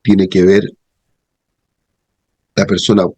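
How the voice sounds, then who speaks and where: A man's voice: low-pitched, monotone, slow pace, a little mellow, no echo, dull audio. A man teaching a theology class, explaining terms and checking in with his students. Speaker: theology professor. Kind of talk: classroom lecture.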